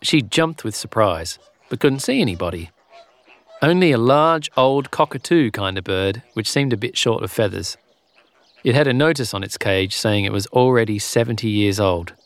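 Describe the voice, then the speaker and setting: Expressive man reading a storybook. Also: fairly low pitch, moderate pace. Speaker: narrator.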